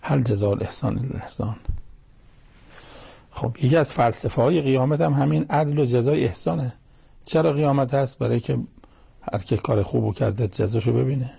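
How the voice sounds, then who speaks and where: Male preacher, very raspy and gravelly, exhorting sermon with rhetorical questions. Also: medium pitch, dark tone. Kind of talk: religious sermon with Quranic Arabic quotations.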